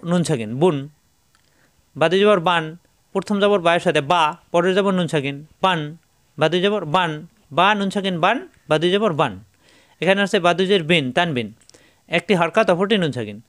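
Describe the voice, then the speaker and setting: A male Quran teacher giving a patient step-by-step recitation lesson, slowly repeating each syllable for his learners. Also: sits high, dry recording, clean studio sound.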